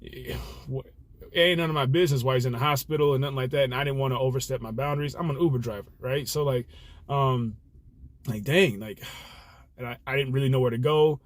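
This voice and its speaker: A man's voice: mid-range voice, fairly quick. A young man, a rideshare driver, telling a personal story in an earnest, rambling way full of fillers. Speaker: rideshare driver sharing stories. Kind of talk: casual reflective storytelling.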